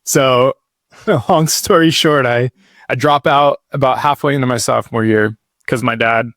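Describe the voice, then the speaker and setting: A podcast guest in his thirties tells his life story in a laid-back, rambling way, packing in "like" and "dude." His mid-range voice is steady and fairly bright, a little slow. The dry recording has studio quality, fitting a casual storytelling interview.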